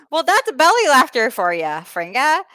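In a comedy bit, a woman plays a self-proclaimed self-care expert and comic advice giver who stumbles through broken English, restarting sentences and mangling grammar. Her bright, slightly high voice is heavily acted and recorded close and dry.

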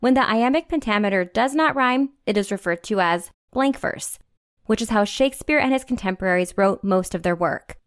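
Woman co-host, mid pitch, reads scripted lessons clearly on a dry close mic. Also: lively intonation, normal speed, no room sound. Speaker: podcast co-host. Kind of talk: scripted explainer narration.

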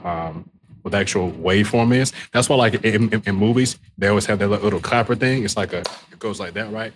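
A man casually explaining technical things, repeating words and checking in often. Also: low-pitched. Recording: faint background noise.

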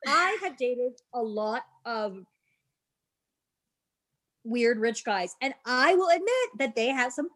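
Woman, podcast guest, casual chat, chatty and rambling, slightly high voice. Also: big pitch swings, slow pace, pauses often, fairly bright tone. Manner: chatty, rambling, laughs easily.

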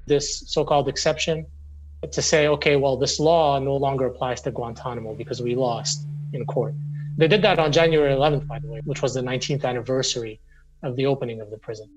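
A man's voice: mid-range voice, steady tone, brisk, muffled recording. Earnest male lawyer in an interview. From Syria, raised in the Middle East. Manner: earnest, speaks in restarts and repetitions.

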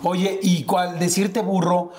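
A man's voice: sits high, level tone, slow, a little mellow, slight background noise. A man with a Mexican Spanish accent hosting a casual chat, teasing his guest with provoking questions. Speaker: host.

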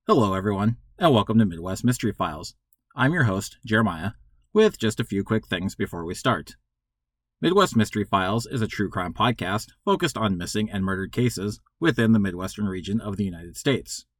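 Guy narrating true crime podcast, kinda low voice, measured scripted read, really dry close sound. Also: lively intonation, no echo.

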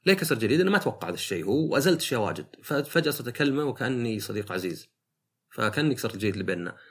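A man's voice: medium pitch, big pitch swings, rapid-fire, breathy edge. A man, a podcast host talking through his ideas in a casual, reflective monologue, thinking aloud with many fillers.

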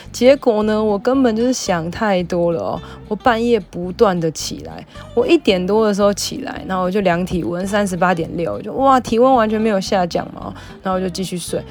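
A young woman, a psychologist hosting her own show and chatting through a personal story with lots of fillers. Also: on the low side. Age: young adult. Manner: chatty, animated retelling with many fillers. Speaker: podcast host, psychologist. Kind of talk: casual storytelling monologue.

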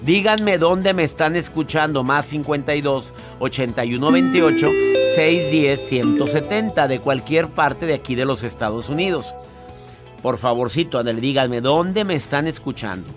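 A man's voice: medium pitch, normal speed, soft background music. A man hosting a call-in radio show, chatting casually and giving upbeat motivational advice. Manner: warm, upbeat motivational talk. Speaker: radio host.

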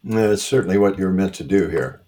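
A man hosting an interview, asking friendly questions with many hesitant pauses. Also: deep voice, mellow. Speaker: podcast host.

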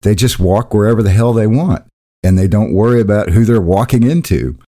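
A man's voice: lowish voice, fairly quick, dark tone. A man co-hosting a casual podcast chat, grumbling about everyday pet peeves with a chuckle. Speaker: podcast co-host. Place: Orlando area.

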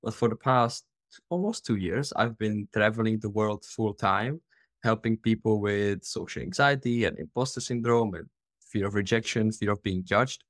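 A man's voice: fairly low pitch, normal speed, fairly bright tone, no room sound, studio quality. Earnest young man from Czech Republic. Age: 20s. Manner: earnest, open, with frequent fillers. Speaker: podcast guest. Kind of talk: casual interview storytelling.

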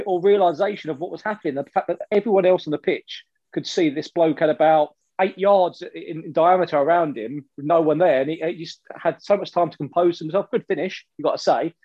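Man, football podcast co-host, very fast, animated, slightly high voice, dry lo-fi sound. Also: husky, dry recording. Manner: rapid, animated, casual slang. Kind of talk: casual football podcast chat.

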